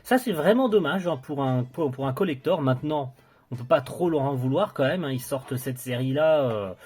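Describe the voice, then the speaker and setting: A man's voice: mid-range voice, lively intonation, moderate pace, darkish tone, husky. A young man casually reviewing a collector's box set, enthusiastic but hesitant, with many fillers and restarts.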